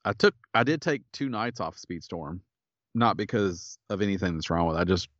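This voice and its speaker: A man's voice: sits low, animated, normal speed, a bit bright, no room sound, dull audio. A man co-hosting a podcast, chatting casually in a laid-back, somewhat tired way. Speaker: podcast co-host. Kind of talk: casual chat.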